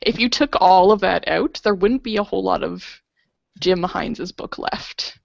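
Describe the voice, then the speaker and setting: Chatty woman on a book podcast, gravelly voice, dry dull lo-fi sound. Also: medium pitch, normal speed, no echo. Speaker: podcast co-host. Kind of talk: casual book club chat.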